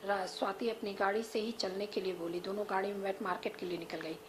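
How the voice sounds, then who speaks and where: A woman's voice: medium pitch, fairly even intonation, fast, a little hiss or hum, poor audio. A woman reading an emotional story aloud, telling it herself and voicing all of its characters. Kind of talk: emotional story narration with acted dialogue.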